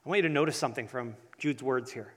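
A man preaching a teaching sermon, deliberate in delivery, repeating key phrases for the congregation. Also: medium pitch. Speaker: pastor preaching. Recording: long hall reverb.

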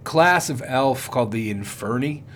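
A man's voice: medium pitch, expressive, unhurried, slight background noise. A man co-hosting a podcast, recapping a movie in a rambling, profane, casual way with lots of fillers. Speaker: podcast co-host. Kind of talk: casual movie review chat.

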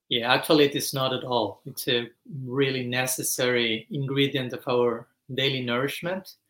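A man's voice: mid-range voice, fairly even intonation, a little slow, a bit bright. Thoughtful Argentine man in his forties. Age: 40s. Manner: thoughtful, explanatory, searching for words. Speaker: guest monk. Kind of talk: reflective podcast interview. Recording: echoey room.

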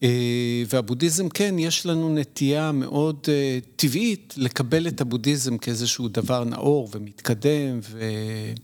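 A middle-aged man, a podcast guest, explaining his views in a measured, lecturing way, often pausing to find the right word. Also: mid-range voice, a little mellow. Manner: measured, lecturing, pauses to search for words. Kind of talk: reflective conversational explanation.

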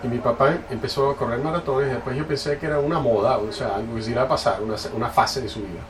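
A male preacher telling a personal story during a sermon in a casual, halting way that often corrects itself. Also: mid-range voice. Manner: conversational, halting, self-correcting. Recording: distant mic, noisy room.

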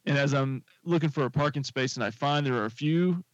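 A man's voice: fairly high pitch, a little fast, no room sound. Man telling a rambling story, dull audio. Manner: rambling, animated anecdote with fillers. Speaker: podcast co-host telling a story. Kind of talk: casual storytelling chat.

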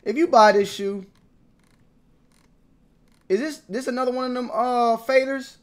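A young man vlogging about sneakers in slangy, repetitive casual talk that swings between mumbling and loud outbursts. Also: very high-pitched, measured pace, clear, resonant tone. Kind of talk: casual ranting commentary.

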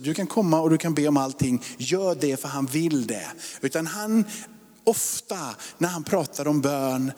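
Man preaching in a reverberant hall. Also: on the high side. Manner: swings from loud and emphatic to hushed whispers. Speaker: pastor. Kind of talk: sermon.

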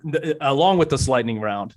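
A man's voice: mid-range voice, animated, normal speed. A man in his forties hosting a casual interview, agreeable and encouraging, feeling his way through his phrasing. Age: 40s. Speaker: interviewer, host.

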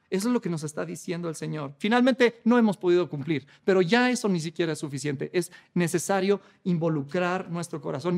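A man's voice: a little high, darkish tone. A man preaching a Easter sermon in a conversational way, often ending thoughts with rhetorical questions and acting out quoted voices. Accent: Mexican Spanish.

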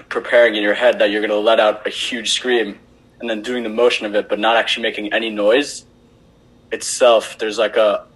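A man with a husky, somewhat low voice chimes in during a casual group discussion. He speaks haltingly, searching for words and restarting his thoughts as he goes. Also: rough recording. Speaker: study group participant.

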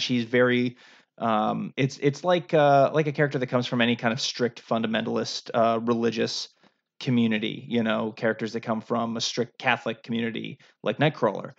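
A man's voice: mid-range voice, level tone, moderate pace, gravelly, fairly bright tone. A man from the United States co-hosting a podcast, chatting casually and rambling with lots of fillers and restarts, on a dull lo-fi recording. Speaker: podcast co-host. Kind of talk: casual chat. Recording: dull lo-fi sound.

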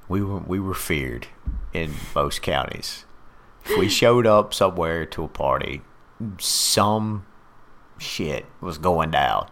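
A man's voice: sits low, lively intonation, slow pace, a bit bright. A man telling blunt, joking stories in a casual podcast chat. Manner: easygoing, blunt storytelling with jokes. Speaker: podcast guest, former drug addict.

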